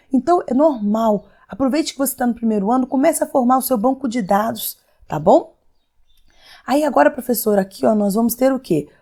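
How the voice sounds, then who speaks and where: A Brazilian woman teaching a recorded English grammar lesson, patiently walking through the rules step by step and voicing the questions her students might ask. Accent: Brazilian Portuguese. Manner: lively, swings her pitch up and down for emphasis.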